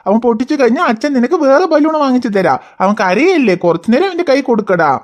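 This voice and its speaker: A woman voicing a patient father in a cartoon, coaxing and explaining gently but firmly. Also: a little high, animated, fast talker, lightly acted. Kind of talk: cartoon voice acting.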